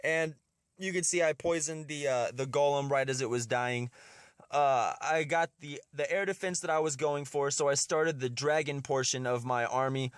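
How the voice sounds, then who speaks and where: A man's voice: a little high, normal speed, clear, resonant tone, no echo, clean studio sound. Man commentating gameplay with a stuffy nose. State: getting sick, slightly stuffy nose. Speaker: host of a game strategy video.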